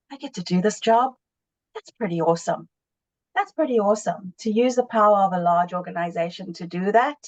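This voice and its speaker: A woman's voice: fairly low pitch, a little mellow, no room sound, dull audio. A woman from South Africa, a panel guest answering earnestly and reflectively on a webinar. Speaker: panel guest, award winner.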